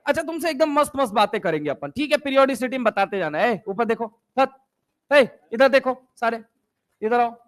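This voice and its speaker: A young man teaching chemistry in a lively classroom lecture, firing repeated questions and teasing his students. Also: very high-pitched, fairly quick. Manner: repetitive call-and-response questioning.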